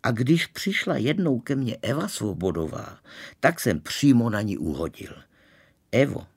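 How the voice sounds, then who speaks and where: A man reading a storybook aloud as its first-person narrator, with animated, lively storytelling. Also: medium pitch, breathy edge.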